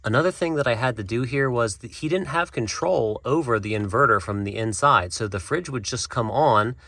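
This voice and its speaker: A man casually walking through an installation job he did, talking in a relaxed way with frequent fillers. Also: mid-range voice, moderate pace, no room sound.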